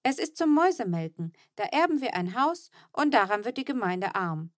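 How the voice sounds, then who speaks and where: A woman's voice: on the high side, sing-song, moderate pace, no room sound, clean studio sound. A woman reading an audiobook, voicing Manne, a fussy grown man who grumbles about money and gets carried away with his ideas. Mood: annoyed. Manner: fussing and exclaiming.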